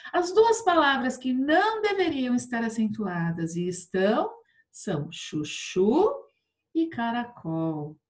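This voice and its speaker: A woman's voice: fairly high pitch, very animated. A Brazilian woman teaching an online Portuguese class to fourth graders, explaining patiently and checking in with tag questions. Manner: patient, drawn-out sing-song explaining with many tag questions. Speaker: primary school teacher.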